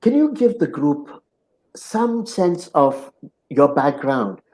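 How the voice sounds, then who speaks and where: A middle-aged man hosting a live video-call interview, speaking in a measured, reflective and philosophical way. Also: on the high side, sing-song, darkish tone, low-quality recording. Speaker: host and interviewer.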